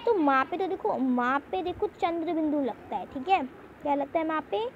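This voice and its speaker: High-voiced woman teaching children. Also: lively intonation, normal speed. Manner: repeats and checks in with "theek hai" often. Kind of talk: online Hindi lesson for children. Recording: slightly dull home recording, faint hiss.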